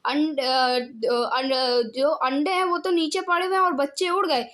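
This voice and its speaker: A woman's voice: high voice, fairly even intonation, measured pace, a bit bright. A woman voicing a curious, timid little girl who asks questions and tells on her brother. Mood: anxious.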